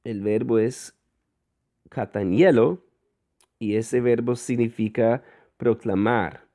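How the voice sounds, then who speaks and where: Slow, dark-voiced male Greek teacher. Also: medium pitch. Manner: slow, deliberate, parses words aloud; frequent fillers and self-corrections. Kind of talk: guided reading lesson.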